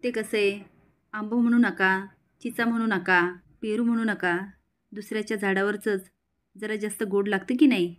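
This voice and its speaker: A woman's voice: mid-range voice, steady tone, normal speed, natural voice. A woman voicing a cheerful young village girl who speaks in rustic, countrified speech.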